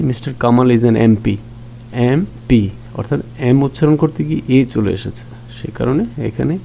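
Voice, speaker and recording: Gravelly-voiced man teaching grammar. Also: medium pitch, dark tone, a little hiss or hum, poor audio. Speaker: English teacher. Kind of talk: grammar lesson explained in Bangla.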